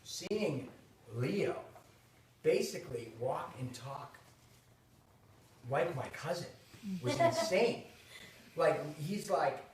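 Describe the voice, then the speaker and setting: Animated bostonian guy, echoey room. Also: fairly high pitch, slow pace, pauses often, distant mic, a little hiss or hum. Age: 30s. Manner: animated, laughing, many restarts. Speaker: host. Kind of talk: casual chat.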